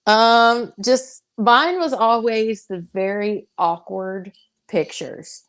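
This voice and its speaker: A woman's voice: fairly high pitch, slow pace, a bit bright, smooth. A young woman with a Southern US accent, a wrestler chatting as a guest in a casual interview, laughing often and drawing out her words.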